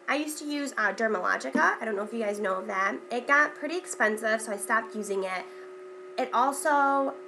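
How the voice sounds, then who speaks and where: A young beauty vlogger, congested from a cold, chats casually through a makeup tutorial with lots of ums and repeated words. Her stuffy voice is on the high side, fairly bright, with vocal fry. A little hiss or hum is audible.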